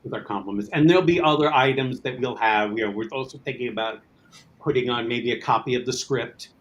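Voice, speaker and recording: In a casual promo interview, a man who wrote and produced an audio drama rambles on about his creative work as a guest. He speaks a little fast at medium pitch, with a fairly bright tone. The sound is lo-fi.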